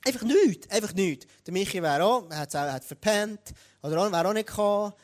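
A man with a Swiss German accent preaching a sermon, talking straight to the congregation in a lively way. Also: high-pitched, fairly quick. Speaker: pastor.

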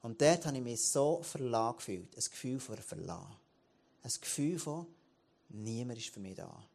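A man, preaching to his church in an animated way, often restarting and repeating words. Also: medium pitch, normal speed, creaky. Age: late 30s. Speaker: church leader. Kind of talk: sermon.

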